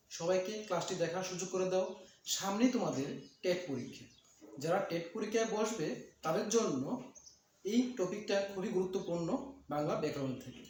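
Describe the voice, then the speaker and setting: A man's voice: high-pitched, a little mellow. A man teaching an exam-prep grammar lesson, repeating points and asking and answering his own questions. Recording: echoey room with faint noise.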